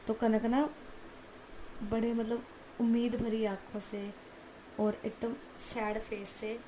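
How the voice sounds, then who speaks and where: A woman's voice: fairly high pitch, level tone, takes it slowly, background noise. A woman narrating a love story in a casual, chatty way with asides to listeners.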